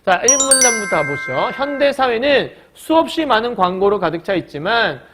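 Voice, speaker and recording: A man's voice: high-pitched, big pitch swings, normal speed, over loud music. A man teaching a recorded lecture, who explains each point by asking his students questions and answering them himself. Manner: acts out short quoted lines in a raised voice. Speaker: Korean language teacher.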